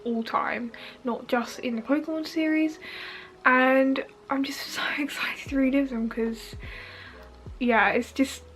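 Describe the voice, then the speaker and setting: A young woman, sniffly from allergies, gushing and rambling excitedly in a casual vlog at home. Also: high-pitched, soft background music, poor audio. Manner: gushing, giggly, fast and rambling with many fillers. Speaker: YouTuber reacting to a game trailer. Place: home front room.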